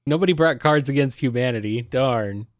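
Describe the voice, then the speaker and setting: A man's voice: mid-range voice, moderate pace, dry recording, clean studio sound. A laid-back man in casual podcast chat who laughs often as a co-host.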